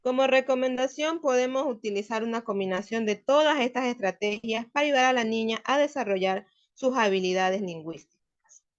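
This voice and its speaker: A woman's voice: a little high, fairly quick, dull audio. A woman student giving a class presentation, explaining her points step by step.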